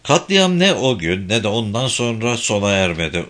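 A man giving a steady, measured audiobook narration of a novel. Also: lowish voice. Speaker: audiobook reader. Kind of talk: scripted narration.

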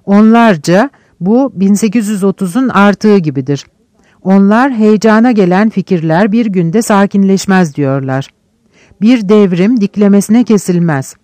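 Male audiobook narrator, high voice, declamatory literary reading, dry booth sound. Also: a little mellow, dry recording. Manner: measured, declamatory reading in short phrases.

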